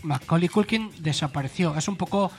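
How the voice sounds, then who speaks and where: A man hosting a casual radio chat, irreverent and filling pauses with hesitant "eh". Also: a little high, faint music behind. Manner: chatty, irreverent, with frequent hesitant "eh" fillers. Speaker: radio show host.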